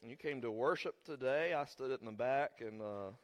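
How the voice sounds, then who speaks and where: A man's voice: mid-range voice, moderate pace. A man preaching a sermon as the pastor while sick, with rambling, joking asides. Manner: rambling, self-deprecating asides. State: sick, under the weather. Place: church sanctuary.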